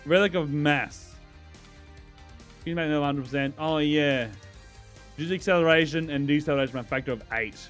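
A man giving casual gameplay commentary as a streamer, excitable, swearing and laughing as he talks to his chat. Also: a little high, a little fast, pauses often, faint music behind. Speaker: gaming YouTuber and streamer.

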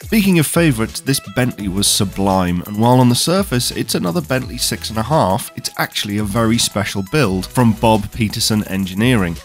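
A man's voice: lowish voice, lively intonation, fairly quick. Man narrating a car show. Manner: enthusiastic, knowledgeable car commentary. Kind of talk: scripted voice-over narration. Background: faint background music.

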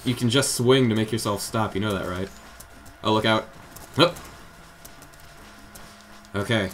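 A man's voice: fairly low pitch, a little slow, a bit bright, soft background music, rough recording. A young man chatting casually while playing a game, joking and laughing as he gives his partner directions. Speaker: let's play host. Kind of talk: casual gameplay chat.

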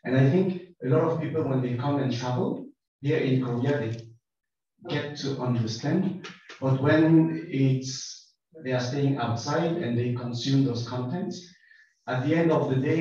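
Echoey, mellow man with a French accent. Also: medium pitch, a little slow. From France. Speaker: audience member asking a question. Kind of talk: thoughtful spoken audience question. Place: lecture room, picked up from afar. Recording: distant, very echoey hall, muffled.

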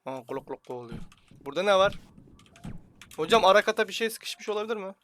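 A young man giving casual, jokey commentary while playing a shooter, swearing at enemies and shouting in sudden bursts. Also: high-pitched, expressive, fast, a little hiss or hum. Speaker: gaming channel host.

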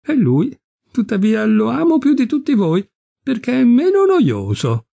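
A man's voice: extremely high pitch, wildly swooping pitch, unhurried, creaky, dark tone, no echo, studio quality, voice pushed up, exaggerated voice. A man reading aloud voices a bold, teasing young woman who speaks frankly and mockingly.

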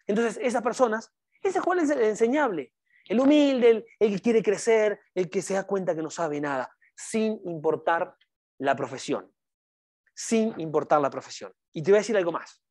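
A man's voice: high voice, lively intonation, normal speed, a little mellow. A man giving a motivational network marketing training, speaking emphatically and repeating his key phrases to the audience. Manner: addresses the audience directly. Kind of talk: motivational seminar talk.

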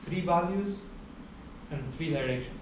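A man's voice: a little high, unhurried. Guy teaching a class, lots of uhs, big roomy lecture hall sound, kinda far off. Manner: steady explaining with frequent uh fillers. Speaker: university lecturer. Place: large lecture hall, indoors. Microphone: far camera at the back of the room. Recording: echoey hall recorded from far off, background hiss.

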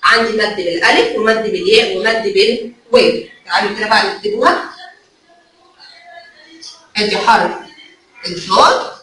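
Teaching a kindergarten phonics lesson with an Egyptian Arabic accent, a woman coaxes the children by asking questions and then answering them herself, stretching out the letter sounds. Her medium-pitched voice sounds pushed and bright. The room echoes heavily, the mic sits far away, and there's faint background noise.

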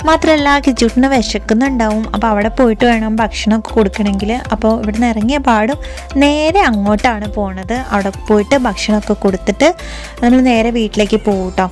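A woman, a mother vlogging her day in a chatty way, trailing off with soft tag words and coaxing her little son in sing-song baby talk. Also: fairly high pitch, fast talker, faint music behind. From Kerala, India. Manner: chatty, repeats soft tags like "kettoo". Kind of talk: casual vlog narration.

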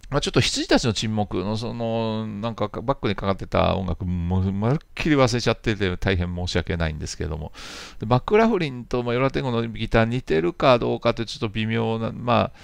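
A man's voice: fairly low pitch, expressive, brisk, vocal fry, few pauses, clean tone, dry recording. A man in his fifties, host of a jazz channel, reading out viewer comments and answering them in a rambling, chatty way with playful asides.

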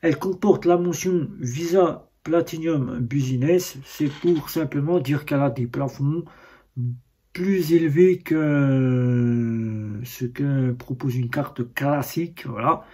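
Un homme qui déballe et commente une carte bancaire sans script, sur un ton hésitant, avec beaucoup d'hésitations et de reprises. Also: male voice, fairly high pitch, slow pace, dark tone, husky. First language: French. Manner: hesitant, many fillers and restarts. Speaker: vlogger reviewing a bank card. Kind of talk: casual unboxing talk.

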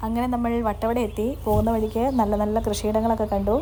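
A woman narrates a travel vlog in a casual way. Her voice is fairly high and she talks quickly, over faint background noise. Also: little pitch movement, warm tone.

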